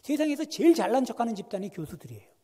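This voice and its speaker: A man preaching a sermon as a guest pastor, telling a story with animated swings between hushed and loud delivery. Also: very high voice, very fast, husky. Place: church sanctuary. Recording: long church reverb.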